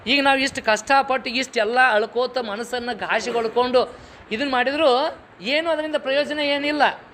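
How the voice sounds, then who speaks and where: A middle-aged man with a North Karnataka Kannada accent giving a public moral lecture, full of lively rhetorical questions and folksy home anecdotes. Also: very high voice, normal speed, slight background noise.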